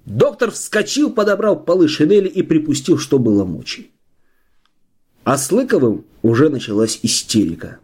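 Guy reading an audiobook, warm husky voice, steady and measured. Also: a little high. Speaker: audiobook narrator. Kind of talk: scripted narration.

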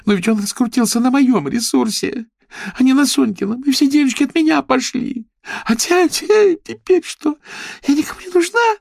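A man voicing a brash, crude young woman influencer in an audiobook, talking shrill and rude. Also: lively intonation, moderate pace, a little mellow, no room sound, clean studio sound. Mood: wailing. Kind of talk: audiobook character voice.

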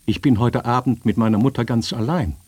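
A man's voice: medium pitch, fairly quick, darkish tone, husky, dry recording, voice pushed up, natural voice. A man voicing a brave young forester's daughter, speaking firmly and plainly. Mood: resolute. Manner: firm, plain-spoken.

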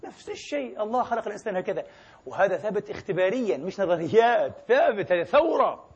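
Husky, fast-talking preacher. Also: male voice, high-pitched, lo-fi sound. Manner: animated, mixes formal and colloquial speech. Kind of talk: religious lecture.

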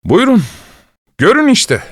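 A man's voice: very high-pitched, wildly swooping pitch, slow, no echo, clean studio sound, voice pushed up, full character voice. A man voicing a weary police commissioner who talks in a resigned, sighing way.

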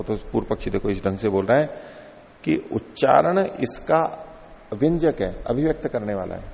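A man teaching a classical philosophy text in a lecture hall, reciting verses slowly and then explaining them with rhetorical questions. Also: medium pitch, creaky, darkish tone. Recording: dull lo-fi recording with long hall reverb.

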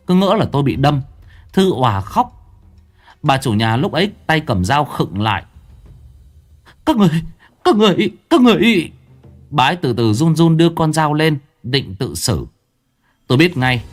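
A man reading a ghost story in the first person, his pitch swinging lively and dramatic through the telling. Soft music plays faintly beneath his voice.

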